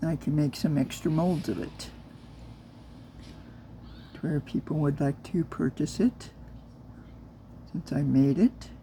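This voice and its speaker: Slow, gravelly, soft-spoken woman. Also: a little hiss or hum. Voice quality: soft-spoken, talks low on purpose. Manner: mutters to herself while working with her hands. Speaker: crafter making silicone molds. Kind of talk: casual crafting vlog narration.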